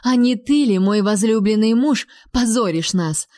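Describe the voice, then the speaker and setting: Woman playing a spiteful drunk duchess for an audiobook, shrill and raised, sneering lines. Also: expressive, a little slow, darkish tone, dry recording, studio quality. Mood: spiteful shouting.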